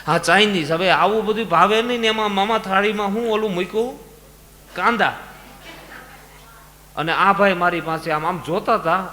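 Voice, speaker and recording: A man with a Gujarati accent preaching a devotional sermon, telling sacred stories with dramatic swings between loud calls and soft low lines. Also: a little fast. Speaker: katha preacher. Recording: long reverb, music behind, live event. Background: musical instruments.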